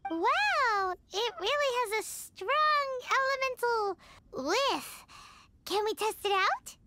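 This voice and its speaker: A woman voicing a tiny, childlike, excitable fairy companion in an anime game, squeaky, cheeky and exclamatory. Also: slow pace, exaggerated voice. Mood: amazed. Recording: music behind the voice.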